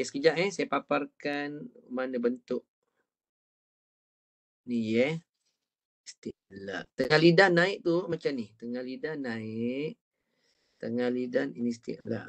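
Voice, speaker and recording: A man's voice: on the high side, gravelly. A man with a Malaysian Malay accent teaching an online Quran reading class, patiently modelling sounds for his student to repeat. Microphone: video call.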